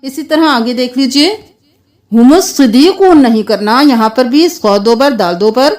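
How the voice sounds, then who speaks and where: A woman with a high, light voice gives a Quran recitation lesson. She switches between quick explanations and long, melodic chanting of each verse. Between the chanting she sounds words out one syllable at a time.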